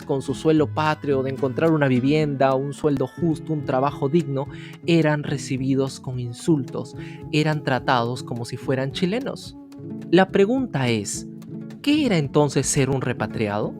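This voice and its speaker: A man narrating an educational history video, telling the story directly to the viewer. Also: mid-range voice. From Peru. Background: guitar music.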